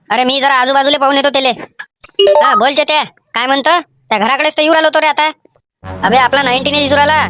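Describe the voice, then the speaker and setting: A performer voicing a fussy middle-aged village farmer with a Vidarbha Marathi accent, lecturing and bossing people around in a cartoon comedy. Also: female voice, high-pitched. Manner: lecturing, fussy, shouts orders.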